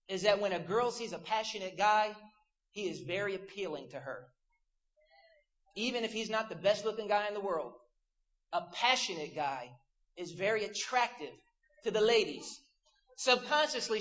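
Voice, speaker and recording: A man's voice: sits high, fairly bright tone, highs cut off. A man preaching a casual, joking youth sermon to a crowd of teens.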